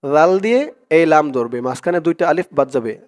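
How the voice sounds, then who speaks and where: A man teaches Quran reading in a calm lesson. His voice sits high and sounds clear and smooth. He breaks each word into its letters and vowel marks, then chants the verse in slow, drawn-out tones. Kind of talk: spelling lesson with recited verses.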